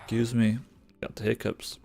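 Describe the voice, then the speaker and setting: A man's voice: fairly low pitch, monotone, moderate pace, creaky, mellow. A man streaming a survival game, chatting casually and muttering to himself, now and then swearing under his breath when things go wrong. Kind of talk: casual gameplay commentary. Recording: lofi music faint behind.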